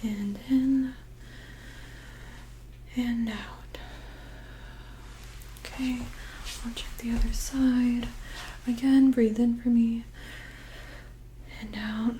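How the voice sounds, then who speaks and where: A woman performs a soft-spoken medical role-play in a soft, breathy voice. Her pitch sits a little high but stays very even, and she speaks slowly. Her manner is gentle, calm and reassuring, like a nurse at the bedside. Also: a little hiss or hum. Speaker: ASMR performer playing a medical examiner.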